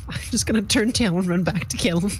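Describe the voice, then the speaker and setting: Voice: medium pitch, fast talker, background noise. A player in a tabletop role-playing game talking casually, sounding wary in character.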